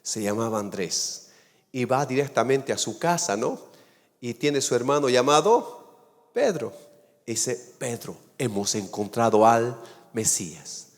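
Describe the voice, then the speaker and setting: A man preaching a sermon as guest pastor, telling Bible stories with loud emphatic lines and low drawn-out words. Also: expressive. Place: church. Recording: church hall with long reverb.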